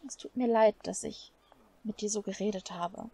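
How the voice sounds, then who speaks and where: A woman's voice: steady tone, normal speed, creaky, mellow, natural voice. A woman voicing a stubborn, eager young girl in a game, speaking earnestly in a raised voice. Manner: earnest, pleading, raised pitch. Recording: faint music behind.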